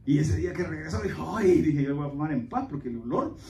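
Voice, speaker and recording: High-voiced preacher man in an echoey church. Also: quick pace, slight background noise. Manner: animated preaching with sudden loud exclamations; folksy storytelling to the congregation. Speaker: pastor. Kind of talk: Spanish-language church sermon. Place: church sanctuary. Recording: echoey church hall, mic at a distance.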